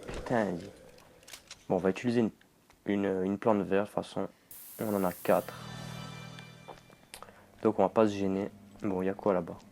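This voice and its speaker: Brief: young gamer, low voice, swears when startled, chats to viewers. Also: male voice, fairly even intonation, normal speed, gravelly, long pauses, darkish tone, faint music behind. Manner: jumpy, swearing, talking to viewers. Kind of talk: let's play commentary.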